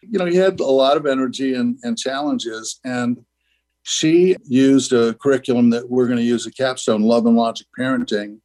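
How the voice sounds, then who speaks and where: An older man with a mid-pitched voice talks as a radio guest. He is earnest and meandering, leaning on "you know" as he explains his faith and ideas. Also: darkish tone, rough recording. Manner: earnest, rambling, many "you know" fillers. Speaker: guest, school founder. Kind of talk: radio interview.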